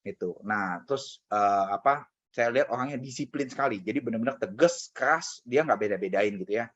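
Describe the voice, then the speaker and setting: Speaking a little fast in a fairly bright mid-range voice, a man tells colleagues a personal story during a casual motivational talk. Conversational fillers crop up often, and the recording is dull and lo-fi.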